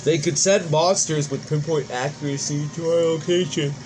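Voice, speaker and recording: This let's play host reads cutscene dialogue aloud over background music, sometimes stumbling and going back over words. His voice is fairly high, a little mellow and fairly even in intonation, at a moderate pace, in a low-quality recording with slight background noise.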